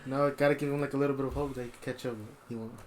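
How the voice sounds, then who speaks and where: Young male co-host, average pitch, cocky trash talker, faint hiss. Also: level tone, rapid-fire, darkish tone, rough recording. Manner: cocky trash talk, short replies. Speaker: podcast co-host. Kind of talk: casual podcast chat.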